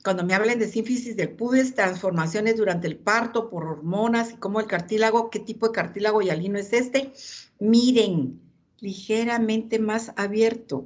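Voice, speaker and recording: A woman lecturing anatomy, pointing out images and calling on students by name. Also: mid-range voice.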